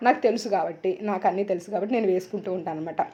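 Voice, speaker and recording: A woman in her thirties, a wellness coach, chatting loudly and energetically in a casual vlog. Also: lowish voice, highs cut off. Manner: loud, fast, energetic chatter.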